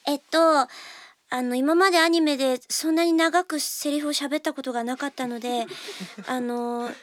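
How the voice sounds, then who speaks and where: A voice actress giving a soft-spoken, self-teasing cast commentary after a recording. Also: female voice, high-pitched, steady tone, moderate pace, no room sound, clean studio sound.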